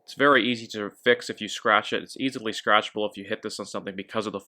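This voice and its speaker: A man giving a casual watch review, talking in a relaxed way with fillers and self-corrections. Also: on the low side, rapid-fire.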